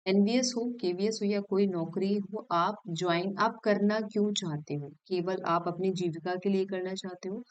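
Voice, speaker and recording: A woman in her thirties, an assistant professor, talking straight to her viewers in an advice vlog, earnestly and directly, often pausing to rethink a phrase. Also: medium pitch, clear, resonant tone, lo-fi sound. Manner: thinks aloud with frequent hesitations and self-corrections.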